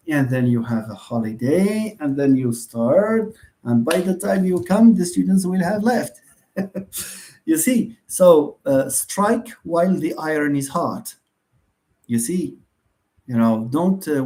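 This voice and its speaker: A Moroccan-accented man, a university lecturer and native speaker of Moroccan Arabic, responds to students in an online session with a mellow, mid-range voice. He is hesitant, relies on many fillers and restarts, and tends to ask questions only to answer them himself.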